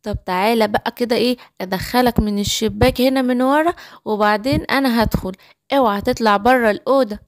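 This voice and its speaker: An eager young girl, played by a woman, chatters in a lively, fairly high Egyptian Arabic voice. She is the heroine of a children's storybook cartoon. The sound is dry and close. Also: fast talker, dry recording, close to an everyday voice. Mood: reassuring.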